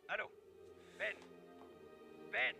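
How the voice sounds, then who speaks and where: An actor playing a worried ship captain, pleading and warning, heard as an old cassette tape recording. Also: male voice, drawn-out words, over music.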